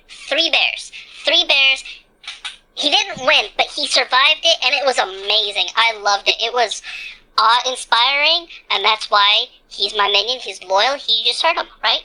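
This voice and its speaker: Woman as a boastful game-table crew boss: quick, excitable bragging, bright sharp voice. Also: fairly high pitch. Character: brash boastful mercenary boss.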